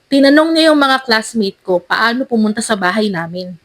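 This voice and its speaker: Woman podcast host, high voice, spilling a story all animated and chatty. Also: moderate pace. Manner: animated, lively storyteller who acts out quotes. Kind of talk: casual storytelling chat.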